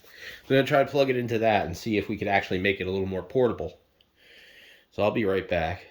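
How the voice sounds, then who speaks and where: A product reviewer with a lowish voice talks fast through a casual unboxing. He rambles, sounds unsure, and thinks aloud with fillers while moving around his home, sometimes wandering away from the camera mic.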